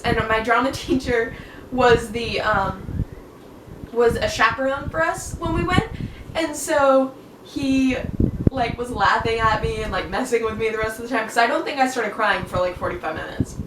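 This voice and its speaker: A teenage girl tells a story to her camera in a gushing, excitable rush, full of fillers. Her voice sits a little high. She is heard from a distance in an echoey room, with clear noise behind her. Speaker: vlogger. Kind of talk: casual storytelling. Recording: echoey room, far from mic, noisy.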